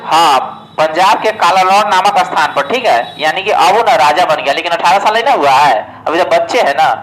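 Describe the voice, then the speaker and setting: High-voiced man teaching with a lilt. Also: animated, moderate pace, a bit bright, slight background noise, poor audio. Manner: asks questions and answers them himself, often says "ठीक है". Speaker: exam coaching teacher. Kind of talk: casual exam-prep lecture.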